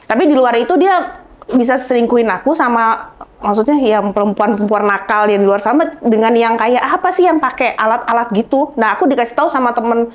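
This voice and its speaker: A woman's voice: fairly high pitch, fairly quick. A married woman, a talk-show guest, telling her personal story candidly and laughing often. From Indonesia. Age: adult, married.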